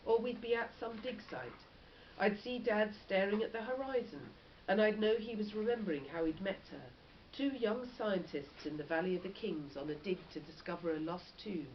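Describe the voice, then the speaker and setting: At normal speed and medium pitch, a woman reads a story for children aloud with animated, teacher-like expression. She pauses for short explanatory asides, and the lo-fi recording sounds dull with faint noise.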